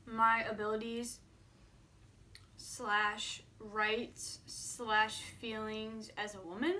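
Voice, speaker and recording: A woman in her early twenties chats to her viewers in a vlog style. Her voice is bright and sits a little high. She is candid and very informal, leaning heavily on "like" as she thinks out loud. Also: little pitch movement, drawn-out words, a little hiss or hum. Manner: candid, informal, filler-heavy with frequent "like". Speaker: vlogger answering viewer questions. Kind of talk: casual chat to camera.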